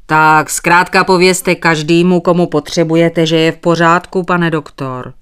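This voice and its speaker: A woman's voice: lowish voice, steady tone, fairly bright tone, smooth, close to an everyday voice. A woman voicing a stubborn male sheep farmer who politely dodges every request with thanks. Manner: courteous, evasive, dodges with thanks.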